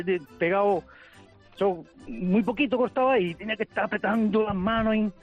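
A man with a Murcian Spanish accent, calling in to a radio show and telling an animated anecdote, acting out the voices of the people in it. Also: sits high, lo-fi sound. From Murcia, Spain. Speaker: caller. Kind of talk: phone-in storytelling.

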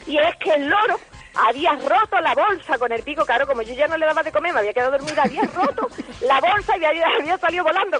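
High-voiced, fast-talking woman. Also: low-quality recording. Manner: lively, animated storyteller acting out voices. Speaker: caller. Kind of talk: phone-in anecdote on a radio show.

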